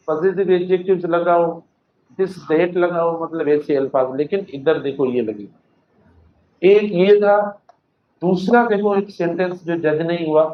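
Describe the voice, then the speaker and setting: Man, Sindhi accent, grammar teacher, high voice, patient explanations, echoey classroom, dull lo-fi sound. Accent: Sindhi-accented Urdu. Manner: explains patiently, repeats example sentences slowly, asks students questions. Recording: echoey classroom, dull lo-fi recording with faint noise.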